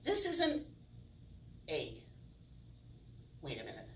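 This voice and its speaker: A woman's voice: deep voice, wildly swooping pitch, slow pace, distant mic. A middle-aged woman plays the kids' party magician with big, swooping intonation. She is theatrical and playful, full of exaggerated wonder and mock puzzlement. The sound is roomy, picked up by a camera some way from her small indoor stage, with faint noise. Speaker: children's magician and circus performer. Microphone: distant camera.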